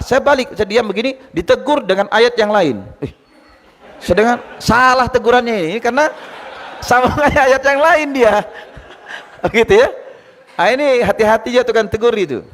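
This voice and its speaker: A male Islamic teacher giving a lively study lecture, quizzing his listeners and retelling anecdotes. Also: very high voice. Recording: long hall reverb.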